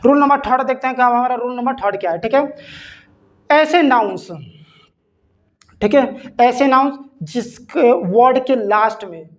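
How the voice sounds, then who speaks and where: A man's voice: very high-pitched, normal speed, long pauses. A man teaching an English grammar lesson, asking rhetorical questions and spelling words out letter by letter. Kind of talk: classroom-style grammar lesson.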